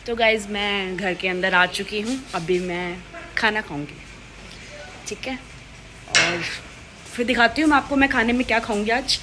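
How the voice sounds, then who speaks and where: A young woman vlogging casually at home, chatty and quick, forever calling her viewers "guys". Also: mid-range voice, background noise. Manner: fast-talking. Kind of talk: casual vlog chat to camera. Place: at home and outside in the street.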